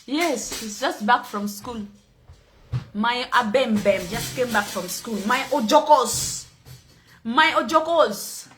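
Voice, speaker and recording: A woman's voice: fairly high pitch, slow, fairly bright tone, faint music behind. A young Ugandan woman with a Ugandan accent hosting a casual livestream chat, playful and teasing, laughing often with her viewers. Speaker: livestream host.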